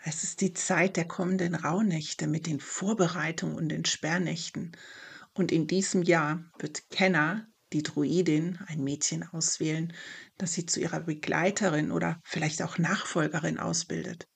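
Gravelly, calm storybook narrator. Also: medium pitch. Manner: calm, measured. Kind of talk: first-person storybook narration.

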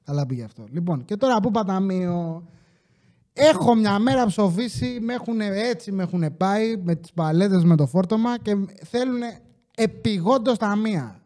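On his podcast, a man with a high-sitting voice casually and animatedly recounts comic tales. He plays out what his customers said, with plenty of free swearing.

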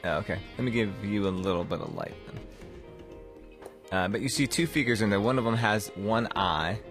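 Low-voiced man running a tabletop game. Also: normal speed, over music. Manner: relaxed, rambling with many fillers. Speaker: game master.

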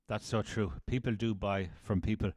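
A man's voice: lowish voice, steady tone, normal speed, a little mellow, no room sound, studio quality. A middle-aged man with an Irish accent, hosting a podcast in a conversational style. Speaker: podcast host, sales trainer.

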